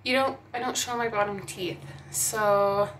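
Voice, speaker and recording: A woman talks casually to a close camera, her speech thick and careful because her mouth is swollen from surgery. She holds her lower lip down with a finger as she speaks, so her words come out slightly muffled. She pauses and restarts often, fumbling for words. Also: steady tone, fairly bright tone, a little hiss or hum. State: swollen mouth, trouble talking after dental surgery. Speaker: vlogger. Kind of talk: casual vlog talk. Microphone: camera held close.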